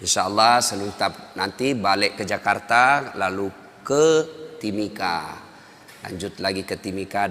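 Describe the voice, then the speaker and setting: A middle-aged male preacher giving a humorous sermon, telling stories animatedly and rising high for the punchlines. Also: pushed and bright. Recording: long hall reverb.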